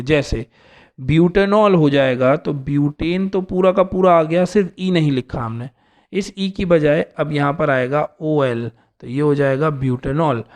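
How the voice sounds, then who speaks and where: A man teaching an organic chemistry lesson, explaining step by step and often checking in with his students. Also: a little high. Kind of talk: classroom lecture.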